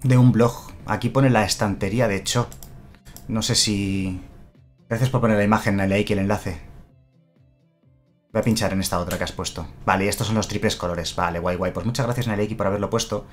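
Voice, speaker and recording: A man's voice: lowish voice, steady tone, brisk, faint music behind. A man from chatting casually on a live stream, explaining things and answering viewers' comments.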